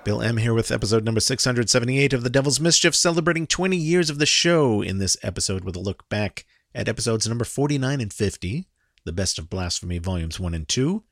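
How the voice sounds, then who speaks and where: A man's voice: medium pitch, lively intonation, fast talker, fairly bright tone, no echo, clean studio sound. A man hosting a podcast, introducing the next clip in a plain, matter-of-fact way. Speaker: podcast host. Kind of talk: scripted show introduction.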